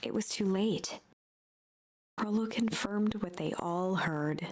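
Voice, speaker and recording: A measured storybook narrator guiding a game's tale. Her pitch sits in an ordinary middle range. She tells the story in an even, scripted way. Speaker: game narrator.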